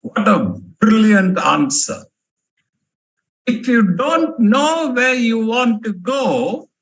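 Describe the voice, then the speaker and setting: A male professor from India gives a motivational management lecture as a guest speaker, emphatic and fond of repeating key words. His voice sits high and a bit bright, with vocal fry, on dull audio.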